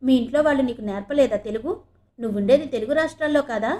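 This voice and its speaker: A woman's voice: on the high side, fast talker, dark tone, close to an everyday voice. A woman narrator voicing teasing male college seniors mocking a newcomer. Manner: mocking, raised voice.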